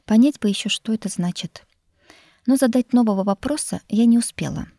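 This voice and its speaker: A woman reading a first-person novel aloud in an expressive, wry storytelling manner. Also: on the high side, a little fast, dry recording. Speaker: audiobook narrator. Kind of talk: first-person audiobook narration.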